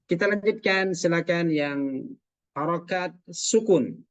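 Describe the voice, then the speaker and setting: A man teaching recitation over a video call, his voice a little higher than most men's. He corrects patiently and sounds out syllables slowly. The call audio is slightly muffled. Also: no echo. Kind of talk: online recitation class coaching.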